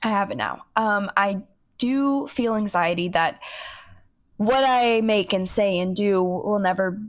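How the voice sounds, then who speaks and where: Slow, rambling young woman podcaster. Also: medium pitch. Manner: scattered, self-interrupting, swears casually. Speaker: podcast host. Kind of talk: rambling solo podcast monologue.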